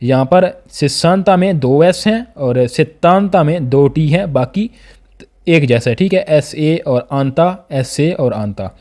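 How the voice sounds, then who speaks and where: A man's voice: on the high side, animated, takes it slowly, darkish tone. A man teaching a beginners' language lesson, patiently repeating each word and drilling the class.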